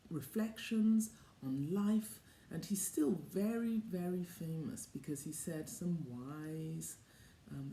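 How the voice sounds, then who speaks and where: Woman telling children a story, very lively pitch. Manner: addresses children directly with simple questions. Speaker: host of a children's story and lesson show. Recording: roomy echo.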